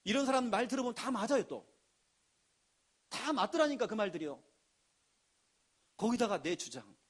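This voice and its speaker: High-voiced man preaching an emphatic sermon. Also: animated, moderate pace. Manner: emphatic preaching with acted quotes. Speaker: pastor.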